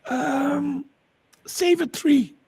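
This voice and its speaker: Speaking very slowly, a tech entrepreneur from Belgium talks enthusiastically about her projects as an interview guest, her Flemish accent clear. Her high voice is creaky with a darkish tone, and the recording has no room sound.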